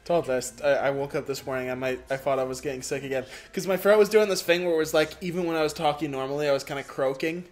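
A young man chatting casually while playing a video game as co-host, excitable and quick to laugh. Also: on the high side, soft background music. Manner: excitable, laughs often, bursts into shouts. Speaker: let's play host, player. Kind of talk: casual gameplay chat.

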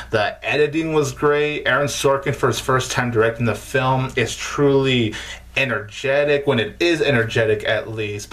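A man in his twenties reviews movies casually to camera, stressing emphatic words. His medium-pitched voice is a bit bright, recorded indoors in a small room.

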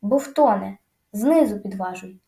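A woman's voice: mid-range voice, expressive, unhurried, echoey room. A woman voicing a bold, bossy boy who scolds and gives orders in a storybook reading. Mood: bossy shouting. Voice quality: sharp, scolding.

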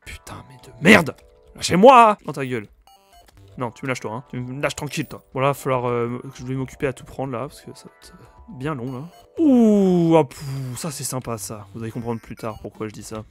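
A young man with a cold, commenting loudly on his own gameplay, swearing and yelping when enemies attack. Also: mid-range voice, brisk, faint music behind. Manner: excitable, swears a lot, yelps at enemies. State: has a cold. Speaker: gaming YouTuber.

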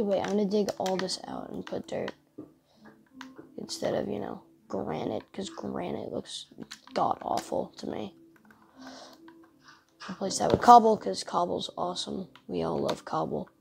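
A woman's voice: mid-range voice, unhurried, creaky, long pauses, over music. A tired woman hosting a casual let's-play, rambling and thinking aloud as she plays, often poking fun at herself. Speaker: gaming channel host.

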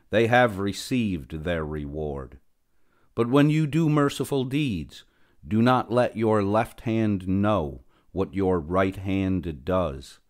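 Male scripture reader, deep low voice, unhurried and solemn. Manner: measured, solemn reading with long pauses. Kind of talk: slow scripted Bible reading.

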